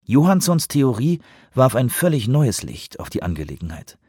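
A man reading an audiobook thriller in scripted narration, even and measured. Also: mid-range voice, husky, no echo, studio quality. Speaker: audiobook reader.

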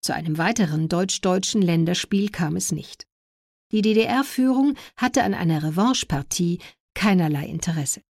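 Creaky-voiced woman narrating history, dry sound. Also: lowish voice, animated, moderate pace, darkish tone, no room sound. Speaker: documentary narrator.

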